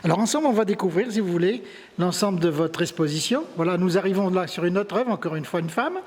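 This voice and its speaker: Indoors in an exhibition room at a tourist office, a male interviewer presents an exhibition on site and puts questions to the artists. His voice is high, animated, and quick, with a darkish tone.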